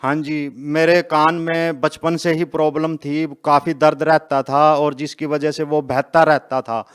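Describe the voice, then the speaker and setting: Man, 50s, earnest interviewee, smooth and resonant, steady flat delivery. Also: on the high side, unhurried. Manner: earnest, plain-spoken, polite. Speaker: interviewed devotee. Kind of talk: testimony interview.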